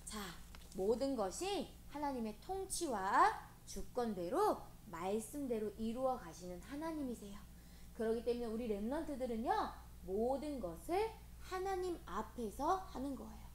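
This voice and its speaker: A woman preaching to children, animated and gently coaxing, often asking them questions. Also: on the high side, a little slow. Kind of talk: children's sermon. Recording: echoey room with faint hiss.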